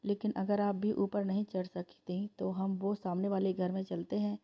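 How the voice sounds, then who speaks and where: A woman's voice: mid-range voice, flat delivery, normal speed, vocal fry. A woman voicing an earnest, respectful young husband talking with his mother. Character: young husband, caring expectant father. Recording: dull lo-fi recording.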